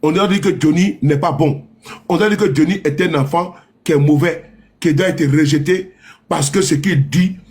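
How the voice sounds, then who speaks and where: A man's voice: fairly high pitch, darkish tone. Mocking man ranting sarcastically. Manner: mocking, repetitive, laughs at his own sarcasm. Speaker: political commentator. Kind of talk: sarcastic political rant.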